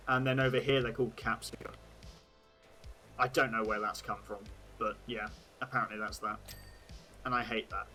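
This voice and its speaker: An English man talks loosely on a live stream, rambling from point to point with plenty of swearing and chuckles at his own jokes. His voice is bright and forward, at a middle pitch for a man. Faint music sits behind him. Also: poor audio. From England. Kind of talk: casual live-stream chat.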